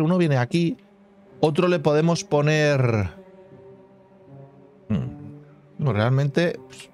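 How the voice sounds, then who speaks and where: A man's voice: medium pitch, darkish tone. A man casually commenting on his own gameplay as a channel host, thinking aloud and humming little sound effects. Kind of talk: casual let's-play commentary.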